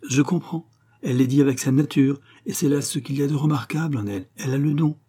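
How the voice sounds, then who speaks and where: Brief: man voicing enthusiastic theater manager, quick exclamations, raised pitch, mellow and husky. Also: lightly acted. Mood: eager. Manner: eager, exclamatory, talkative. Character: enthusiastic middle-aged male theater manager.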